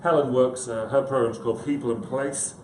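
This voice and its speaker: Speaking a little fast in a medium-pitched, slightly mellow voice with fairly flat intonation, a male psychiatrist gives a casual conference talk. He is hesitant and self-deprecating, adding chatty asides for the audience. The recording was made in an echoey conference room with noticeable background noise.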